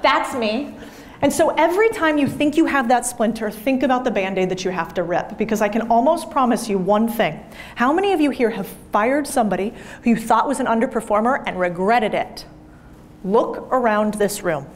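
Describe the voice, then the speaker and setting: Speaking fairly quickly with lively intonation and a fairly high voice, a business speaker in her thirties addresses a live audience in an event room. Her motivational talk is blunt and emphatic, and she curses without holding back.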